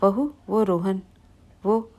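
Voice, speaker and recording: A meek old mother-in-law, unwell and hesitant, voiced in a plain storybook reading by a woman. Her voice sits at a middling pitch and asks rather than demands. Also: expressive, normal speed, dark tone, lightly acted. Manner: hesitant, pleading.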